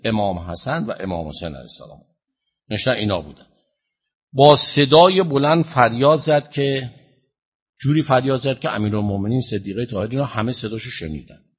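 A man preaching a sermon, telling a story slowly and with emphasis, and questioning the listeners directly. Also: expressive, breathy edge. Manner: slow, emphatic retelling with rising pitch and loudness.

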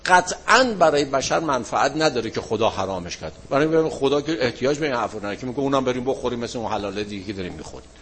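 A man teaching religion to a class, explaining at an easy conversational pace. He talks casually and piles up everyday examples, and his voice sits at an ordinary middle pitch. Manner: relaxed, colloquial explaining with frequent examples; closes with a chanted-style supplication. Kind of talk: classroom talk with questions from students.

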